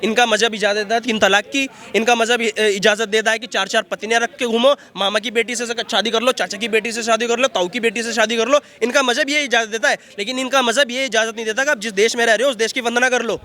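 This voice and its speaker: A man giving a heated, forceful street interview outdoors, repeating himself as he argues. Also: very high-pitched, fairly even intonation, quick pace, hardly any pauses. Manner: forceful, repetitive ranting. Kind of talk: heated street vox pop.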